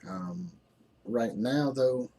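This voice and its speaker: A man's voice: mid-range voice, very slow, dark tone. A man giving casual game commentary as a gaming YouTuber, rambling and hesitant with many ums, sounding tired. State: tired, yawning.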